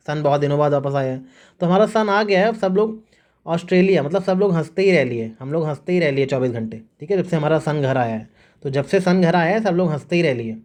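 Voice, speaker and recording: A man's voice: fairly high pitch, darkish tone. A man teaching exam students memory tricks, repeating points and checking in with them as he goes. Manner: repetitive, coaxing, checks in with "theek hai". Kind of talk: mnemonic lesson.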